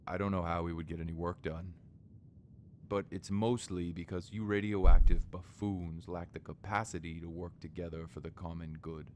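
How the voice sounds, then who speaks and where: A man voicing a lofty, disdainful elderly scientist leader in an animated game parody, pompous and measured. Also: sits low, a little hiss or hum, natural voice.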